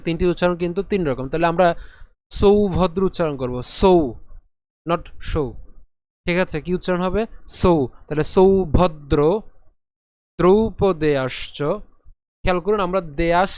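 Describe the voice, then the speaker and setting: Male teacher, higher-pitched, dry close recording, slow careful recitation, patient explanations. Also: dry recording. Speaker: Sanskrit pronunciation teacher.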